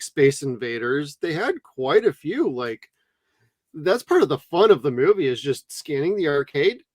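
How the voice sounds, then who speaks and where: An American man co-hosting a casual movie review. His voice sits a little high, recorded dry, and he talks in loose, slangy, animated recollections. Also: dry recording. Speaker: movie review podcast co-host. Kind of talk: casual chat.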